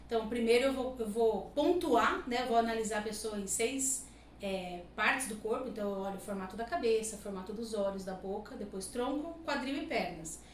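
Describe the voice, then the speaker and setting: A woman's voice: on the high side, a little fast. A woman guest on a podcast, explaining her body-analysis work at length with frequent asides. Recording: echoey room, mic at a distance, faint noise.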